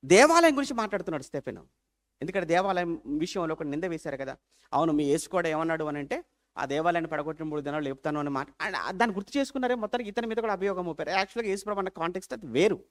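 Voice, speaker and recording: A man preaching a sermon as pastor, animated, firing rhetorical questions and swinging from loud appeals to hushed asides. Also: a little high, racing.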